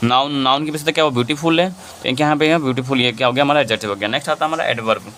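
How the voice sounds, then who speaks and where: A man's voice: medium pitch, rapid-fire, fairly bright tone, slight background noise. A man teaching English grammar in a lesson, explaining in Hindi and reading English examples in an Indian accent, often asking and answering his own questions. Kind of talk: classroom-style lesson.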